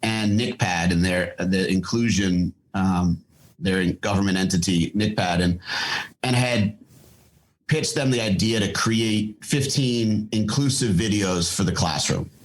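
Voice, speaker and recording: A middle-aged man with a somewhat low voice talks casually as a podcast guest. He thinks out loud, with frequent fillers and restarts. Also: a little slow, low-quality recording. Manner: thoughtful, lots of fillers and restarts. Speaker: podcast guest, fitness company founder. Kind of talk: casual interview talk.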